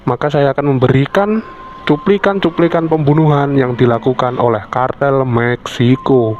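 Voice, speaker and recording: A man with a bassy voice, hosting a casual video commentary and addressing viewers informally, sometimes crudely. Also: fairly even intonation, moderate pace, slight background noise. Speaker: YouTube host. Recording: dull lo-fi audio, music behind. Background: prominent background music.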